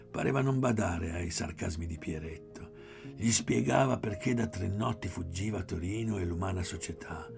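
A man reading a literary novel aloud, measured, often sinking to a soft, breathy near-whisper. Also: lowish voice. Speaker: audiobook reader. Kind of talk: literary audiobook narration.

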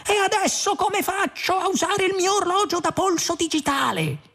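A woman's voice: extremely high pitch, animated, moderate pace, a bit bright, voice pushed up, exaggerated voice. A woman voicing a bewildered, anxious Englishman in an audiobook, exclaiming in alarm.

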